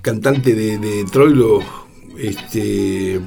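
A man with a Rioplatense Spanish accent, a record producer telling lively anecdotes in an interview and acting out the voices of the people he quotes. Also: on the low side, drawn-out words, faint music behind. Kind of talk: storytelling interview.

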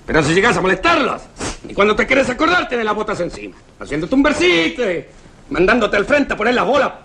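An actor with a Rioplatense accent playing a bitter, sarcastic working-class man who mocks and shouts in bursts. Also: sits high, big pitch swings, quick pace, exaggerated voice. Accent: Rioplatense Spanish. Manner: scornful, mocking, bursts into shouts.

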